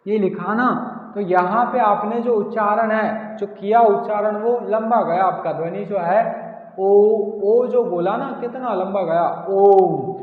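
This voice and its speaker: A man's voice: sits high, a little slow, hardly any pauses. A man teaching a grammar lesson, asking the class questions and answering them himself, repeating key words. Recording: echoey hall, tinny phone-like sound.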